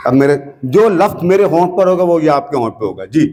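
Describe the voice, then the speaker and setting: A man with a Pakistani Urdu accent teaching children to sing devotional naat in a school classroom. He sings slow, drawn-out lines, then explains quickly and coaxes the pupils. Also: on the high side, big pitch swings, warm tone, a little hiss or hum. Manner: addresses children as a coaxing teacher. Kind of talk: teaching devotional chant with sung examples.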